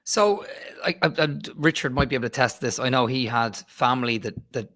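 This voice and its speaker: An Irish man in his thirties chats as a guest, his bright voice recorded close and dry. He tells his stories freely, often restarting his sentences as he goes. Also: medium pitch, a little fast, dry recording. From Ireland. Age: 30s. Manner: chatty storyteller with frequent restarts. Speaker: podcast guest. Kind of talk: casual chat.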